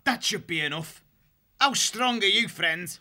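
A man's voice: high-pitched, expressive, a little slow, bright, forceful tone, pitched above the performer's own voice, full character voice. A man voicing a practical male shrew chieftain who gives matter-of-fact directions. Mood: shrewd.

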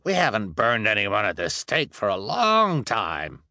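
A man's voice: on the low side, wildly swooping pitch, measured pace, bright, forceful tone, no echo, studio quality, full character voice. A man voicing an eager, bloodthirsty townsman who gloats triumphantly. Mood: gloating.

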